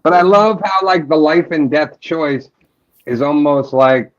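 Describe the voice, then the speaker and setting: A man co-hosting a casual fan chat, excitable, often repeating his words as he talks. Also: fairly high pitch, highs cut off. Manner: excited, fast, repeats himself. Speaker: co-host.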